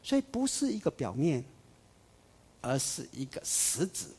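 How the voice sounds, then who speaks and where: A man preaching a sermon, emphatic, swinging between loud declarations and soft asides. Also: fairly high pitch, sing-song, a little slow, husky.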